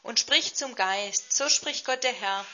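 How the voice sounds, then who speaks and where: A woman reading scripture in a measured, solemn way, then interpreting a sermon. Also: fairly high pitch, bright, forceful tone. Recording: muffled lo-fi.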